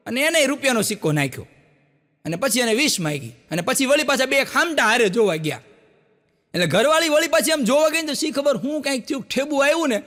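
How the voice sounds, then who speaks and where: A man doing live stand-up, telling folksy village jokes and acting out characters' lines in quick back-and-forth quotes. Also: very high-pitched, fairly bright tone, big-room sound. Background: audience laughter.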